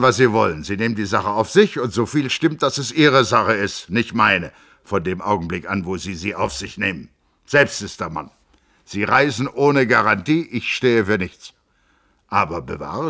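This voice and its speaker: A man voicing an irascible middle-aged male sanatorium chief doctor in an audiobook reading, gruff and blustering. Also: lowish voice, expressive, normal speed, pitched above the performer's own voice. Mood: brusque. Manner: gruff, blustering, explodes into shouting.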